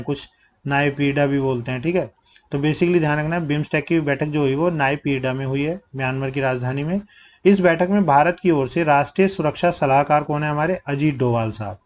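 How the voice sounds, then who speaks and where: Higher-voiced man teaching exam facts. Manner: asks questions and answers them himself, repeating key facts; drops low to stress facts to remember. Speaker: current affairs teacher. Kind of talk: exam prep lecture.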